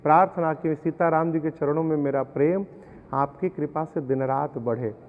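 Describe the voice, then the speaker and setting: A man gives a preacherly devotional discourse in a fairly high voice. He explains verses homely examples, then chants them slowly. The sound is tinny and narrow, a long hall reverb behind it. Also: slight background noise. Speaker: religious storyteller.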